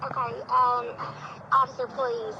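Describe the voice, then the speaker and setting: Pleading woman on a speakerphone: higher voice that swings widely, tinny and noisy, insistent and begging. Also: lively intonation, unhurried. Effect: heard over a phone on speakerphone. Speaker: arrested man's sister. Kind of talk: phone call with a police officer. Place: remote caller heard through a phone at a night traffic stop. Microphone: phone speaker held near a bodycam. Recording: tinny speakerphone audio with noisy outdoor background.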